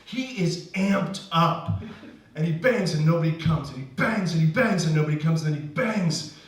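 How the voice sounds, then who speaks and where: A man's voice: a little high, normal speed. A man telling a personal story live on stage, talking in a loose conversational way full of restarts and "like.". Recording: very echoey room, distant mic, faint hiss.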